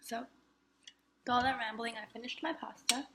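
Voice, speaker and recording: A woman's voice: a little high, fairly even intonation, measured pace. A young woman talking casually to camera while eating, chatty and self-encouraging, sometimes speaking with her mouth full. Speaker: mukbang vlogger. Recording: noticeable background noise.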